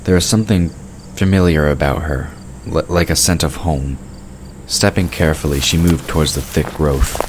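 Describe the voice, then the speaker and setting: This man has a bass voice and keeps a moderate pace, reading scripted fantasy narration in the third person while crickets chirp clearly through the night air behind him.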